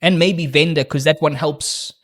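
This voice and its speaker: A man's voice: fairly high pitch, steady tone, normal speed, a bit bright. A young South African man, a podcast guest, chatting casually with frequent restarts and joking asides. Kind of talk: casual interview chat.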